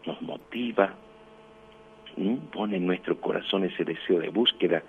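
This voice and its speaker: A man's voice: low voice, measured pace, vocal fry. A man who is a priest, preaching a sermon that quotes scripture, with rising emphasis on key phrases. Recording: tinny phone-like sound with faint noise.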